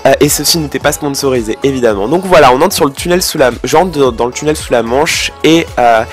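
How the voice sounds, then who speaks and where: A French teenage boy talks through his travel footage in a loose, chatty voice-over. His pitch sits in an ordinary middle range, and he keeps stopping to restart his sentences. Faint music plays softly behind him. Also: brisk. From France. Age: teens. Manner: chatty, many fillers and restarts. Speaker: travel vlogger. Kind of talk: casual travel vlog voice-over.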